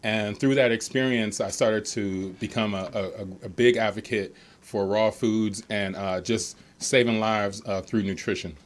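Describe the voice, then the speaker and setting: A man, a guest coach, answering interview questions slowly with many hesitations. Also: lowish voice, steady tone. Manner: slow, hesitant, many fillers.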